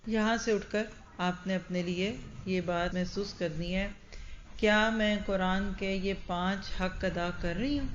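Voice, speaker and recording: A woman's voice: medium pitch, steady tone. An earnest woman preaches to a crowded hall and keeps putting questions straight to her listeners. The recording sounds dull and lo-fi, with a faint hiss underneath. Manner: earnest, direct, addresses the audience with questions. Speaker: Quran teacher. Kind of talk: religious lecture to a live audience. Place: large gathering hall.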